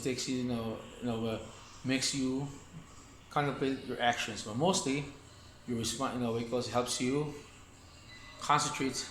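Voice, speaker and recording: A man teaches Wing Chun casually, wandering in his explanations, repeating himself, and talking as he demonstrates. His voice is mid-range and a bit bright; the echoey room carries faint ambience and a little hiss or hum.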